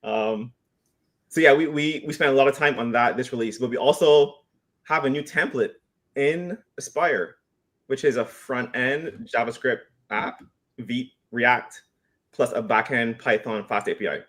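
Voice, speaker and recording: A man on a software team chatting loosely and joking on a live video call Q&A. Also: medium pitch, a little slow. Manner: loose, joking, many restarts. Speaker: engineering team member. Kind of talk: casual live Q&A chat.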